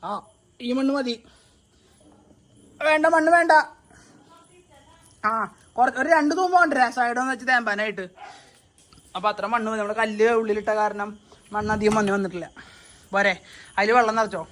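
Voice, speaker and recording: A woman's voice: on the high side, moderate pace, pauses often, a bit bright. A woman, chatting casually in a family vlog while directing helpers outdoors. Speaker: vlogger. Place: outdoor home yard.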